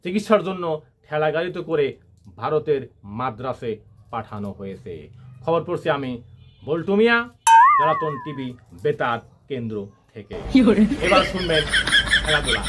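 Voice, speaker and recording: Casting: parody news anchor , played by a man, mock-grave bulletin delivery, highish swooping pitch, noisy recording. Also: huge pitch swings, moderate pace, long pauses. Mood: mock-serious.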